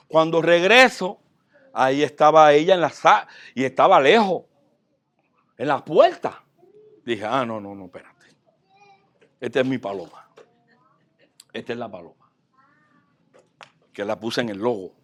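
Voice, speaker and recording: Male pastor, sermon storytelling, animated, medium pitch. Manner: animated, swinging from soft asides to loud outbursts.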